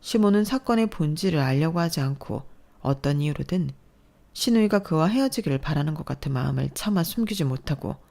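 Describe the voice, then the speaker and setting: A woman reading a scripted first-person story in an even, confiding way. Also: deep voice, brisk, creaky.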